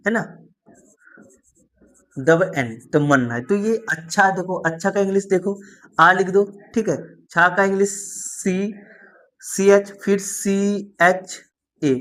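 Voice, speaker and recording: A man's voice: high voice, a bit bright. Encouraging man teaching a spelling lesson. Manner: encouraging, asks and answers his own questions. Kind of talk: spoken lesson.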